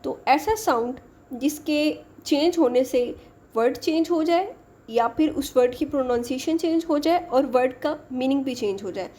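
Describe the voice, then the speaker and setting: A woman's voice: high-pitched, expressive, moderate pace, dark tone. A woman teaching an exam-prep lecture, explaining step by step and mixing English terms into her Hindi-Urdu speech.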